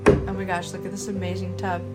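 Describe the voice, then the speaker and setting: Though her fairly low voice is monotone and a little fast, this woman hosting a travel vlog narrates in an upbeat, playful, theatrical style. Background music runs beneath her voice.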